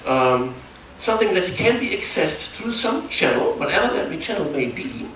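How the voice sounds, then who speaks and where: This conference speaker, a middle-aged man from the German region bordering the Netherlands, has a high-pitched, very animated, fairly bright voice with a German accent. He gives a technical workshop talk in a large darkened hall, hesitating and correcting himself while explaining. The sound comes from a far camera, so it's echoey and carries background noise.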